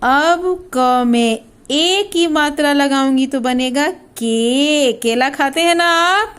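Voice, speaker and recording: Very slow high-voiced woman teacher. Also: a bit bright. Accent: Bihari Hindi. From India. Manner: slow, drawn-out, sounding out each letter; asks the children questions and answers them herself. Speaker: primary school teacher. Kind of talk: online Hindi alphabet lesson for young children.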